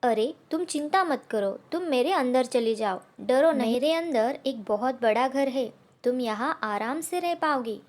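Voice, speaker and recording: A woman's voice: sits high, lively intonation, a little slow. Woman reading a kind magic pumpkin. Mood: reassuring.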